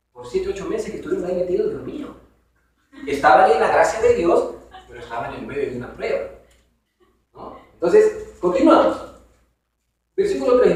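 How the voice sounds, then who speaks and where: Man, Bible teacher, conversational, asks the audience questions, animated pitch, distant mic in a very roomy church hall. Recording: very echoey hall from far off.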